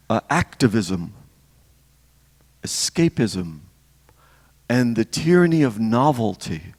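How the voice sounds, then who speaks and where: Older male deacon, reflective spiritual talk; gravelly timbre with hall reverb. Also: medium pitch, a little mellow. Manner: reflective storytelling, pausing between phrases.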